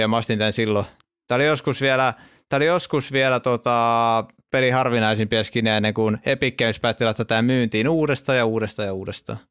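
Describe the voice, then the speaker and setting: A man in a casual gaming video, going through his collection of skins in an offhand way with quick asides. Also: medium pitch, fairly bright tone, clean tone, dry recording, clean studio sound. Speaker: gamer showing his skin collection.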